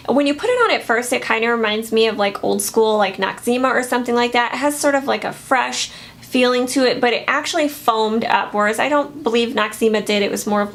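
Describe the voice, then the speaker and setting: A woman reviewing used-up beauty products in a casual, chatty way, often pausing with fillers and restarting her sentences. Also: on the high side, fairly bright tone. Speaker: beauty vlogger.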